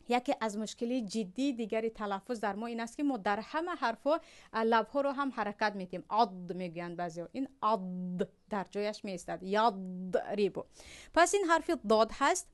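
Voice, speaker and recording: A woman with a Tajik accent teaching a Quran recitation lesson, explaining patiently and slowly drawing out sounds as she demonstrates them. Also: fairly high pitch, clean tone. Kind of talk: religious lesson.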